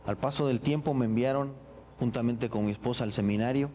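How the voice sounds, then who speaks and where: A middle-aged man, a pastor, sharing his personal testimony in a sermon with earnest, reflective storytelling and halting, repeated words. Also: medium pitch, dark tone, slight background noise.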